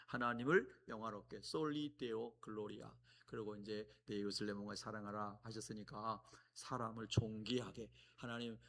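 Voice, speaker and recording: A middle-aged man preaching a sermon as a guest preacher, telling stories with sudden loud exclamations. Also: medium pitch, creaky. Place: church sanctuary.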